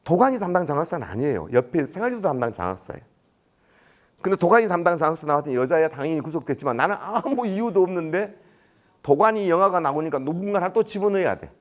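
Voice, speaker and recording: A man's voice: on the high side, big pitch swings, fast. A middle-aged man giving a lecture at a staff training, telling colloquial anecdotes and acting out the dialogue. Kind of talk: storytelling lecture. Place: large conference room.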